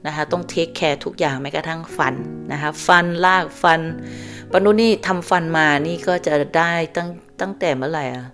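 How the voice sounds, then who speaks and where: A chatty woman in her fifties from Thailand, telling stories to her viewers in a casual vlog. Her voice sits very low for a woman, and she repeats phrases as she goes. Soft music plays faintly behind her. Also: moderate pace. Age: 50s. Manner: chatty, repeats phrases, refers to herself as auntie. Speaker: vlogger. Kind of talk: casual storytelling monologue. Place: home in Canada.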